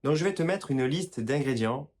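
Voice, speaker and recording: This wellness video creator's voice is a little high and darkish, animated and moderately paced. Speaking directly and informally to his viewers with casual health advice, he keeps restarting sentences and apologizes for his pronunciation.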